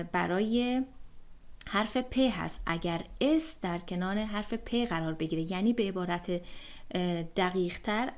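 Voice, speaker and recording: Patient Persian-speaking woman teaching German. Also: mid-range voice. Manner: patient, explains step by step with many fillers. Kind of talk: online language lesson.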